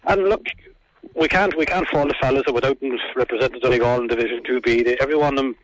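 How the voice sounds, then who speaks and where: A man's voice: mid-range voice, fast, dry recording, low-quality recording. Irish sports manager, plain-spoken man. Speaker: hurling team manager, radio guest. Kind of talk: live sports interview.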